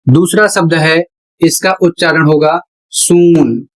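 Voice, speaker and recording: Slow, deliberate male teacher. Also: fairly high pitch, low-quality recording. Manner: deliberate, repeats each rule step by step. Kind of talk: slow classroom explanation at a board.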